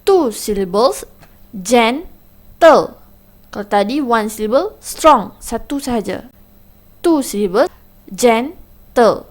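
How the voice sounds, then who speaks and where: A woman teaching an English lesson, her voice sitting a little high. She explains patiently, slowing down on key words and switching between English and Malay. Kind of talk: classroom lesson narration.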